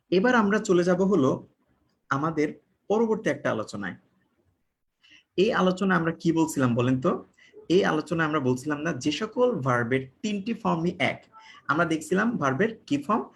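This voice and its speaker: A man's voice: fairly high pitch, a bit bright. Man teaching, answering his own questions. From Bangladesh. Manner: asks the class questions and answers them himself; spells and repeats words slowly for emphasis. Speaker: English teacher. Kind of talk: online class lecture.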